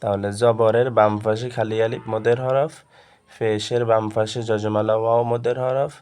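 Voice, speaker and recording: Flat-voiced man drilling spellings. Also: mid-range voice, moderate pace, clean tone. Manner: drills spellings in a repetitive chant; directs attention to the page. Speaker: Quran reading teacher. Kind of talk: step-by-step lesson.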